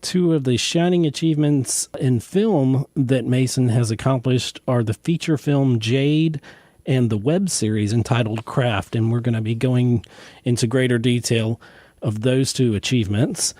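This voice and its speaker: A man hosting a radio interview, asking questions in a halting, friendly way with many fillers. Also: medium pitch, mellow, no room sound, clean studio sound. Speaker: interview host.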